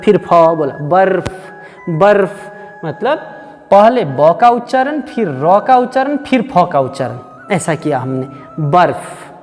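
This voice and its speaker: A man teaching a Hindi grammar lesson for exam preparation. He repeats the sounds aloud, slowly and many times. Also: high voice, long reverb tail. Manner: slow, repetitive, drills sounds aloud.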